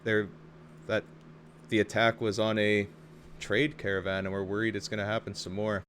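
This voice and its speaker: A man voicing a gruff, concerned town councilman in a tabletop role-playing game. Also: lowish voice, flat delivery, normal speed, a bit bright, lightly acted. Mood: earnest, concerned. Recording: clear background noise.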